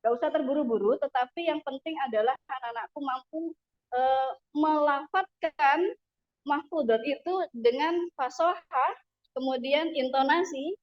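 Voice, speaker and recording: A woman's voice: high voice, normal speed, lo-fi sound. A woman teaching an Arabic class, patiently explaining the rules and modelling pronunciation. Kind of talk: classroom instruction.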